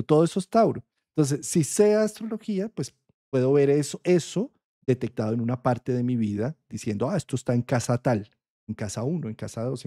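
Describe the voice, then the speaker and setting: A Colombian man with a Colombian Spanish accent teaches astrology conversationally, often checking in with his listeners. His voice is fairly high-pitched and dark, in a dry, studio-quality recording.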